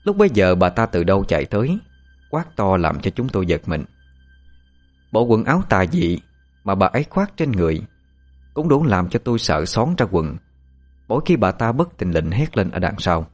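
A man narrating a spooky story in an expressive, dramatic way. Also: low voice, normal speed, faint music behind. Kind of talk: narrated audio horror story.

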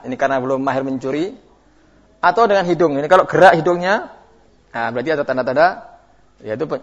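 A man's voice: mid-range voice, creaky, slightly rough. A man teaching Quranic recitation rules, modeling sounds and repeating them to correct listeners while answering questions. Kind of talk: tajwid lesson answering questions. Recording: muffled lo-fi 2000s lecture tape.

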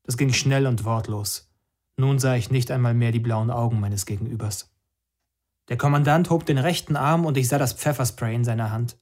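Man narrator, calm, somber, measured reading, first person. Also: medium pitch.

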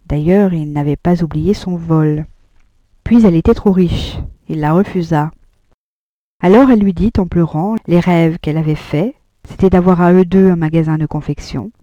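A woman reading a classic novel aloud as an audiobook narrator, in a measured, even way. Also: lowish voice, no room sound. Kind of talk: scripted literary narration. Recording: dull lo-fi audio, dry.

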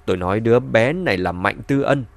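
A man's voice: mid-range voice, animated, quick pace, gravelly, no echo. A man voicing a proud, hot-tempered old patriarch who gives orders and speaks with indignation, in a dry-sounding audiobook. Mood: indignant. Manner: commanding, indignant.

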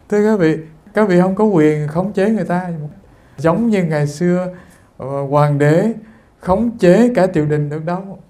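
Man, Buddhist preacher, earnest and storytelling, warm and slightly high. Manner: addresses listeners repeatedly, earnest and storytelling. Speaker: Buddhist monk giving a dharma talk. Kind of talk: sermon.

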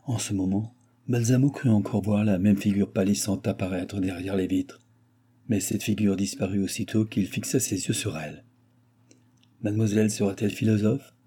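A man narrating a classic novel in a steady, measured audiobook reading. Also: fairly low pitch, husky.

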